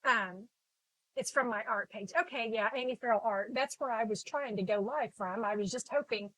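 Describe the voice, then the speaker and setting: On her phone-recorded live stream, a middle-aged Texan art instructor paints and chats in a rambling way, welcoming viewers by name. Her tone is fairly bright, her voice on the high side, her pace moderate. The recording is low quality, with no echo.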